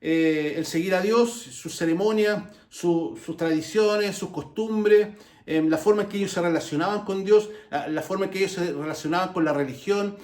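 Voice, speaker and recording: A Chilean man preaching in a relaxed, storytelling way, with plenty of jokes and asides. His voice sits high for a man. The sound rings around a reverberant room. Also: normal speed. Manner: storytelling with humor, many restarts and asides. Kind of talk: conversational sermon.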